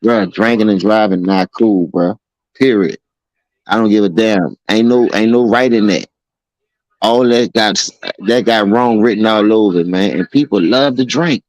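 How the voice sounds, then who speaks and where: Man, low voice, dry close-mic sound, loose profane podcast storyteller. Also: normal speed, darkish tone, no echo, rough recording. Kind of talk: casual podcast chat.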